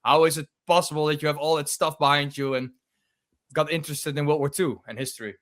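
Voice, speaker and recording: A man's voice: a little high, fairly even intonation, fast, fairly bright tone. A man with a Dutch accent hosting a podcast interview, joking and laughing, with many fillers. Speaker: podcast host. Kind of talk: casual interview chat.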